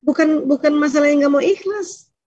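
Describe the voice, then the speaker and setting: A woman's voice: high-pitched, normal speed, dry recording, highs cut off. A woman religious teacher talking casually and answering questions, acting out little dialogues as she goes. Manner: lively, acts out little dialogues, laughs often.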